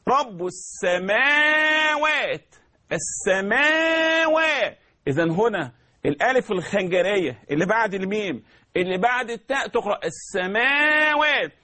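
Egyptian male tajweed teacher, high bright voice, slow, drawn-out demonstrations. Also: expressive. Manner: slow drawn-out recitation, repeats sounds for students to copy. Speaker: Quran recitation teacher. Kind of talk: tajweed lesson with recited verses.

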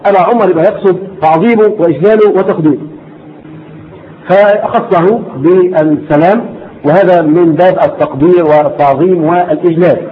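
A man's voice: sits high, fairly quick. A man with an Egyptian accent giving an Islamic lesson to a class, repeating his points and firing rhetorical questions at his listeners. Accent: Egyptian Arabic. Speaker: religious teacher. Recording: dull lo-fi recording, faint noise.

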